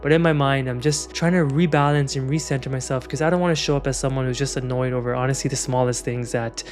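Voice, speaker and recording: A man's voice: mid-range voice, fairly even intonation, fast, soft background music. A man in his thirties telling a personal story in a frank, conversational way, then guiding the listener through a breathing exercise. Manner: conversational, frank, with many fillers like "like". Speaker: meditation guide. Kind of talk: casual storytelling and guided breathwork.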